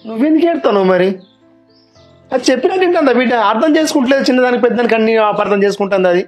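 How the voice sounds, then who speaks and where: A man's voice: extremely high pitch, lively intonation, rapid-fire, soft background music. An actor with a Telangana Telugu accent playing a remorseful father who drinks, pleading and coaxing with his daughter. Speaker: actor in a family web drama. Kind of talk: dialect family drama acting.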